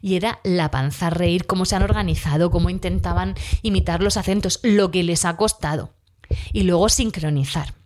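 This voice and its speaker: A woman's voice: on the low side, normal speed, darkish tone. A woman teacher with a cough, chatting casually about a class and often correcting herself mid-sentence. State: has a cough. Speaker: school teacher. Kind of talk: casual spoken account of a class.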